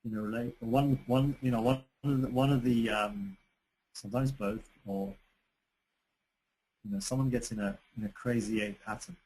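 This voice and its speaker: A man's voice: mid-range voice, fairly even intonation, moderate pace, dark tone, low-quality recording. A man presenting a webinar lesson in a conversational way, with frequent fillers and restarts. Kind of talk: teaching on relationships. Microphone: computer microphone on a webinar.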